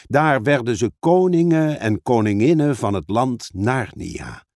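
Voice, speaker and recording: A man narrating a children's fantasy audiobook with expressive storytelling. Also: medium pitch, unhurried, dry recording, clean studio sound.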